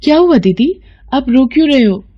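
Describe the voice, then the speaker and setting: A woman voicing a gentle young daughter-in-law in a cartoon story, speaking softly and politely. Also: sits high, expressive, moderate pace, dull audio, pitched above the performer's own voice. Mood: caring.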